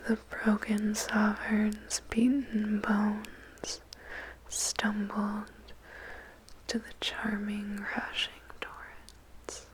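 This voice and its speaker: Woman, whispered ASMR poem recitation, extremely slow, flat unvarying pitch, deliberate phrasing, dramatic pauses. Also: slight background noise, rough recording.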